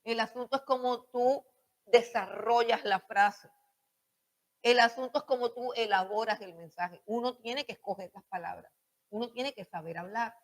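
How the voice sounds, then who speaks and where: Woman, Bible school teacher, somewhat high voice, repeats herself, quizzes the class. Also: moderate pace. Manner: repeats phrases for emphasis, questions the class. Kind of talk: classroom lecture on preaching.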